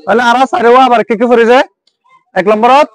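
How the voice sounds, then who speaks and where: High-voiced man teaching English intonation. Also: fast talker, background noise. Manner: mixes English phrases with regional Bengali, drills students in call-and-response. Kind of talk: classroom lesson.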